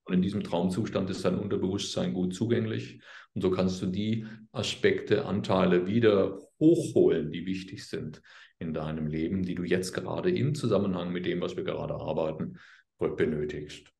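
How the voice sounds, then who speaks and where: A man speaking as an interview guest, explaining his work in a calm, earnest, unhurried way. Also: low voice, gravelly, roomy sound. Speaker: guest, healer. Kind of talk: conversational interview.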